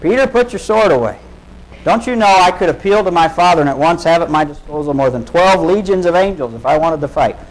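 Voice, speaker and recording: A man preaching, voicing a calm, authoritative male teacher who gives firm rebukes. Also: fairly high pitch, fairly quick, lightly acted, rough recording. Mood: commanding.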